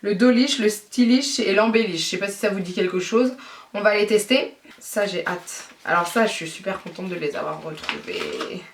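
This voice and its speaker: A woman chats about her beauty haul in a casual, gushing way, with many hesitations along the way. Her voice sits at an ordinary pitch. It carries a roomy echo and sounds a little distant from the mic. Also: normal speed. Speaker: beauty vlogger. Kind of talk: casual haul chat to camera.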